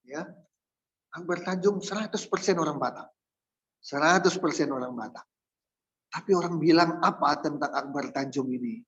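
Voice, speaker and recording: Male pastor, somewhat high voice, joking sermon delivery, dull lo-fi recording. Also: normal speed, long pauses. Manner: humorous, lively, acts out quoted voices.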